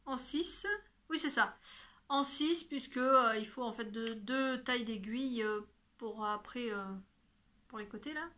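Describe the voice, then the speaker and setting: Talking to camera on a knitting video podcast, a woman displays her yarn and knitting, keeps things casual, and corrects herself often. Her voice is fairly high, pushed and bright, and a little slow.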